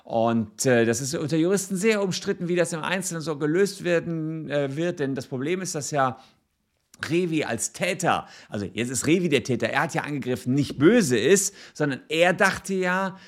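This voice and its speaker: A man commenting on a video and explaining criminal law in a relaxed, thinking-aloud way with frequent fillers. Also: fairly high pitch, moderate pace. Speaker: legal commentator.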